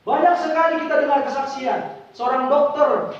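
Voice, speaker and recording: High-voiced preacher in a booming echo. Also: male voice, normal speed. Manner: dramatic, swings from hushed to loud. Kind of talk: sermon storytelling. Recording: very echoey, distant mic, dull sound.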